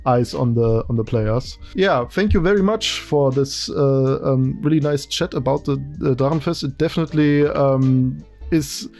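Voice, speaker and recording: A man's voice: medium pitch, unhurried, hardly any pauses, a little mellow, faint music behind. A man with a German accent, a German native speaker, hosting a casual interview and talking with many ums and restarts over a video call. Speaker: host.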